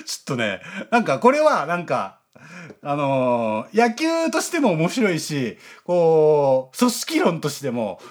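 A man hosting a radio show, talking in a rambling, chatty way with lots of fillers and chuckles. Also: on the high side. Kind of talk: casual radio chat.

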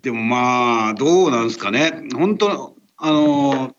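A man hosting a radio show remotely, talking casually and politely with many filler pauses. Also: mid-range voice, expressive, a bit bright, dull audio, slight background noise. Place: remote recording over an internet call.

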